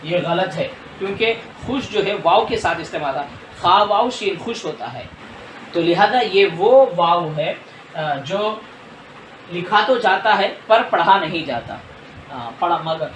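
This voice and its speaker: A man's voice: sits high, animated, takes it slowly, a bit bright, distant mic, slight background noise. Patient man teaching Urdu spelling. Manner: spells words out letter by letter, patient explanation. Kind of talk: lesson. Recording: roomy echo, off-mic.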